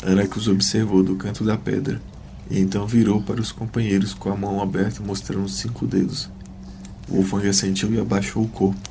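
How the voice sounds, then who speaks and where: A man's voice: lowish voice, level tone, fairly quick, gravelly, dark tone, a little hiss or hum. A man narrating a scripted fantasy story as the narrator of an audio drama.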